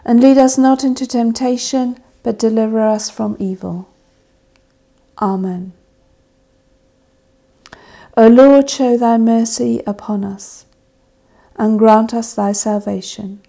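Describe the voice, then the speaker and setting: Slow, gravelly woman intoning prayers. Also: a little high, fairly even intonation, dark tone. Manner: measured, solemn intoning. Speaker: service officiant. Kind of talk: liturgical reading of evening prayer.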